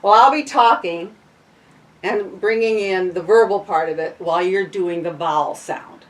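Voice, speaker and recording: A woman guides a small group through a sound-healing exercise, chanting drawn-out vowel sounds. She intones invocations to the directions and explains the steps casually, with fillers and restarts. Her voice sits in a middle range and is picked up from some distance away from the microphone. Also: medium pitch. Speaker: workshop leader. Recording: voice from far off the mic.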